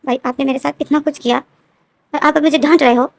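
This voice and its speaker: A woman's voice: sits high, steady tone, fairly quick, creaky, no echo. A woman voicing a desperate, hurt sixteen-year-old boy who pleads and questions.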